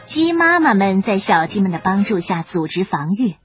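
A woman storyteller reading a children's story aloud in an expressive, animated way. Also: mid-range voice, normal speed. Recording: dull lo-fi with faint music.

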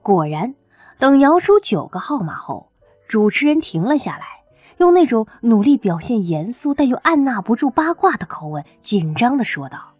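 A woman narrating an audiobook in an expressive storytelling way. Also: a little high, normal speed, husky, no room sound, faint music behind.

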